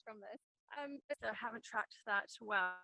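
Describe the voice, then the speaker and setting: A woman's voice: fairly high pitch, normal speed, creaky, bright, forceful tone, dry recording. A woman asking a hesitant question over a video call from home, her audio glitching and cutting out. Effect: glitching audio that keeps cutting out. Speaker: workshop participant. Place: at home, unpacking groceries. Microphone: video call over a weak internet connection.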